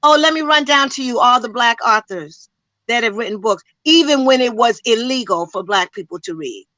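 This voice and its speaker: A woman's voice: fairly high pitch, expressive, normal speed, sharp tone, dry recording, poor audio. A woman community educator speaking with passion in a panel discussion, emphatic and full of rhetorical questions, a little out of breath.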